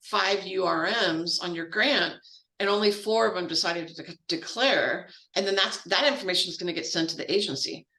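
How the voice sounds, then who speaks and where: A woman trainer walks through a process in a relaxed, talky way, full of asides and fillers. Her voice is bright and forceful, and the sound is roomy and echoey. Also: fairly low pitch, normal speed. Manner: chatty and informal, with frequent fillers and asides. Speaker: grants trainer. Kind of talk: casual software training walkthrough.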